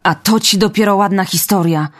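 Woman doing a stern, brisk farm woman. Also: lowish voice, lively intonation, darkish tone, dry recording, studio quality. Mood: indignant. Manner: brisk, firm. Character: stern, practical middle-aged woman.

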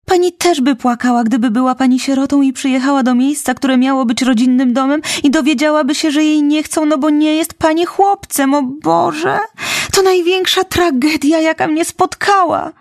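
Storybook: high-pitched, theatrical orphan girl, voiced by a woman, pleading and dreamy. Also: steady tone, normal speed, dry recording, studio quality. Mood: despairing. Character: young orphan girl, dramatic, dreamy, tearful.

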